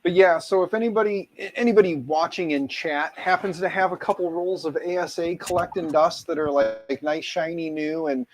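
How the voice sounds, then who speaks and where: A man's voice: fairly high pitch, fairly even intonation, normal speed, few pauses. A man hosting a casual live stream chat, talking in a loose, meandering way. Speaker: host.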